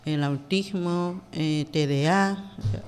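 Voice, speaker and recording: A woman's voice: deep voice, slow pace, a little mellow, smooth. A woman, talking as a podcast guest in a hesitant way, full of fillers and restarts. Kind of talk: casual interview talk.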